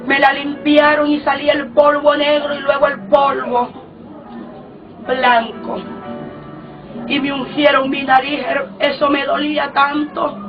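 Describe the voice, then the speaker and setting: A woman with a high voice preaches her testimony slowly, fervent and close to tears at times. She sounds distant from the microphone, muffled and dull, over soft background music. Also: level tone. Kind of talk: emotional testimony sermon.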